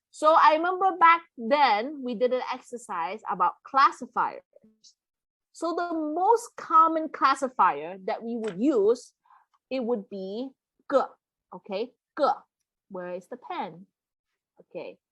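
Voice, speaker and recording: A woman's voice: fairly high pitch, fairly bright tone, no room sound. A woman teaching an online Mandarin lesson in English, patiently repeating words and checking in with her students. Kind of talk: live online language lesson.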